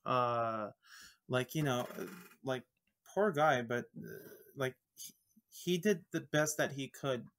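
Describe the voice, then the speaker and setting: A man from Iraq chats as a podcast guest in an ordinary mid-range voice. He talks haltingly and keeps restarting his sentences. He pauses often while he searches for words. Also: mid-range voice, a bit bright. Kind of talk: casual podcast chat.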